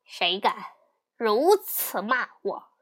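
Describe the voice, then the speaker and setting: A woman's voice: on the high side, big pitch swings, slow, sharp tone, heavily acted. Sun Wukong, a cocky monkey king, as a woman puts him on. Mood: scornful. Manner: swaggering, threatening, scornful sneers. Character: brash boastful male monkey king. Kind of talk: storybook character voice.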